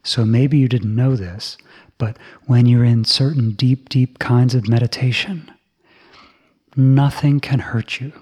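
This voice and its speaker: A man telling a Buddhist story to children, soft and often dropping into a whisper. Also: medium pitch, steady tone, unhurried, slightly rough.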